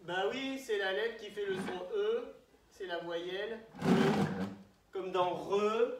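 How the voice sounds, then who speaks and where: Patient teacher sounding out syllables. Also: female voice, medium pitch, a little slow, far from the mic, over loud music. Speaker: primary school teacher. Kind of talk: classroom lesson for young children. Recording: echoey room, faint noise.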